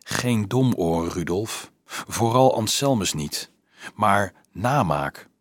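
A man doing a calm, wry young student. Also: mid-range voice, normal speed, no echo, voice pushed up. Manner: soft-spoken, wry, mildly lecturing.

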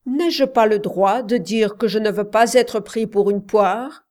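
A woman voicing a stubborn coal miner who speaks slowly, harshly and heavily. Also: medium pitch, darkish tone, lightly acted. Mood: grim. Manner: slow, harsh, heavy.

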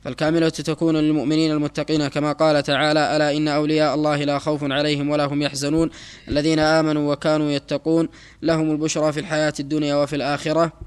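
A man reading a classical Arabic text aloud for a teacher, reciting quickly and evenly with small slips. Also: fairly high pitch, completely flat delivery, smooth.

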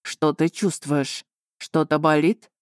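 A woman's voice: deep voice, fairly even intonation, slow, dry recording, studio quality. A woman voicing a stern, commanding duke who gives curt, clipped orders. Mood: probing.

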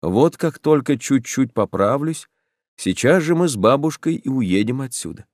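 A man reading an audiobook voices a young village woman who speaks softly, earnestly and insistently. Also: mid-range voice, lively intonation, normal speed, no echo, studio quality, pitched above the performer's own voice, natural voice. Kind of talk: audiobook narration.

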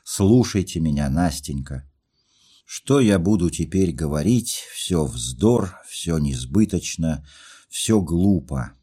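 A lovesick young dreamer, earnest and agitated, played by the reader himself. His voice is deep, dark and husky, with fervent, pleading outbursts. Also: lively intonation, takes it slowly, exaggerated voice.

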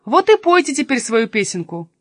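A cheerful, proud robber drummer, as a woman reading a storybook puts him on. She makes him bright and lively with wide pitch swings. The reading is close and dry. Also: normal speed, no echo.

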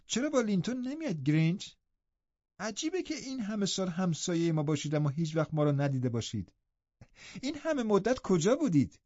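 Man voicing lively teenage girl, high girlish voice, chattering, dull dry audiobook sound. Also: dry recording. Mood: delighted. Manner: excited, chattering, reproachful.

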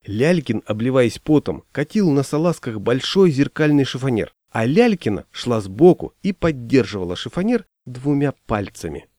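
A man narrating a first-person story aloud in a wry, deadpan way. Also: medium pitch, normal speed, few pauses, dry recording, clean studio sound. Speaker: audiobook reader.

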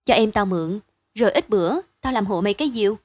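A woman's voice: medium pitch, expressive, fast talker, darkish tone, no room sound, close to an everyday voice. A woman voicing a caring older brother in a bedtime story, speaking plainly and reassuringly. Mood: steady.

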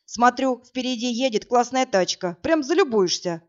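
A big, brash young man talks loudly and casually in slang, put on by a woman reading an audiobook. The voice sits at a middle height. The recording is dull and lo-fi. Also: fairly high pitch, expressive, moderate pace, natural voice. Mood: concerned. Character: burly brash young man, rough but kind.

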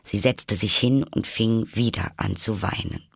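Slow gravelly man reading a story. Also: on the low side, no echo, clean studio sound. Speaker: audiobook narrator. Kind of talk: scripted narration of a classic story.

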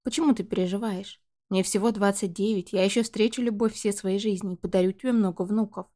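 A woman's voice: mid-range voice, fairly even intonation, brisk, dark tone, natural voice. A woman reading the lines of a tired, patient son in his late twenties in an audiobook. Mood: calm. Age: 20s. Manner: tired, pleading. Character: weary 29-year-old son, patient.

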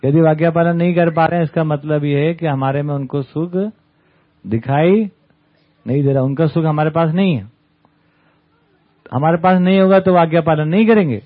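A man gives a relaxed talk to a camp study group, often pausing to check his listeners are following. His voice sits a little high. The sound is narrow and tinny, like a phone line. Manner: conversational, often adds "है ना?" tag questions. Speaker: camp speaker. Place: camp hall with an audience.

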